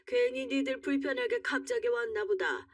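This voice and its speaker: Kindly, worried old mother voiced by a woman storyteller; gentle, dry, set back from the mic. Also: fairly high pitch, normal speed, no room sound, far from the mic, voice pushed up, lightly acted. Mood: fretful. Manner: gentle, fretful.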